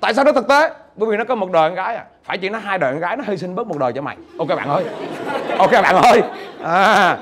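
Guy, middle-aged, high voice, lively seminar talk, jokes a lot, keeps repeating words. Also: quick pace, a faint crowd, a little hiss or hum. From Vietnam. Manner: animated, jokey, repeats words and asks the audience. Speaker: business trainer. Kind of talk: motivational seminar talk to a live audience.

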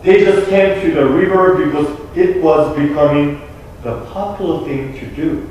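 A young man with a Korean accent, a pastor delivering an earnest, emphatic sermon with deliberate pauses. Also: a little high, a little mellow, highs cut off, a little hiss or hum. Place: small church sanctuary. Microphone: room mic from a distant camera. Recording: echoey church from far off.

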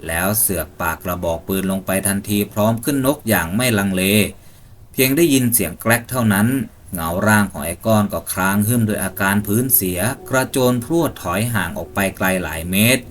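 A man with a lowish voice tells a horror tale in a steady, suspenseful way. His delivery is measured and scripted, building dread line by line. It suits a spoken ghost-story channel. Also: slight background noise.

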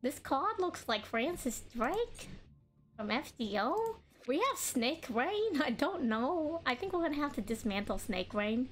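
A woman's voice: high voice, very animated, measured pace, soft background music. A woman streaming a card game, chatting casually and bubbly, laughing often and talking while she eats.

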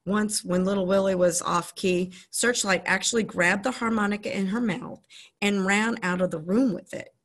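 A woman's voice: medium pitch, steady tone, moderate pace. A woman reading a children's chapter book aloud to her listeners, with casual, friendly asides between passages. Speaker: storyteller reading a children's novel.

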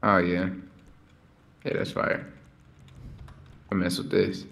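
A man's voice: deep voice, monotone, slow pace, gravelly, a bit bright. A man joining friends on a gaming call, chatting casually in a laid-back, approving way. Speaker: friend joining a game stream. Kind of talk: casual chat over voice call.

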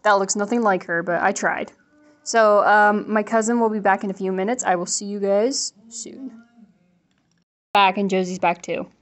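A woman's voice: medium pitch, fairly even intonation, moderate pace. A young woman hosting her own channel, chatting casually and poking fun at herself while she draws. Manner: self-deprecating, chatty. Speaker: channel host drawing on camera. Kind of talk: casual chat while drawing. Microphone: phone or camera on desk.

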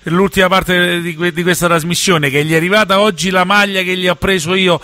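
A man's voice: high-pitched, steady tone, fairly quick, bright, forceful tone, no room sound. Man, dry sound. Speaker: radio show host. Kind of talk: live football radio discussion, casual.

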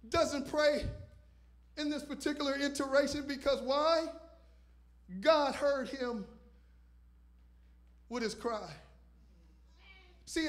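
A visiting pastor with a strikingly high voice preaches from a church stage bathed in purple light, handheld microphone in his hand. He swings between loud, shouted declarations and hushed, near-whispered asides.

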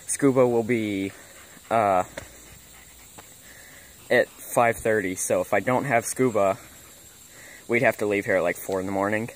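Guy doing a quick vlog update outside, lowish voice, lots of ums, faint outdoor noise behind him. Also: fairly even intonation. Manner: halting, many fillers. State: out of breath. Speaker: streamer.

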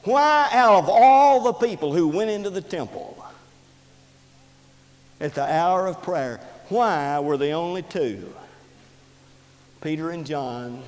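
High-voiced impassioned preacher in echoing church. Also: male voice. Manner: impassioned preaching that rises and drops sharply in pitch and loudness. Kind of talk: sermon. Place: church sanctuary. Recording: reverberant church hall recording.

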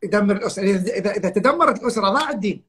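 A man's voice: high-pitched, lively intonation, racing, a bit bright. An older man, a guest on a live online talk, telling stories emphatically and repeating his key points over a video call. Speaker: guest counselor.

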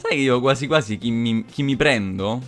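A man hosting a gaming video, giving casual, joking gameplay commentary with playful, excitable banter. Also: medium pitch, normal speed, faint music behind.

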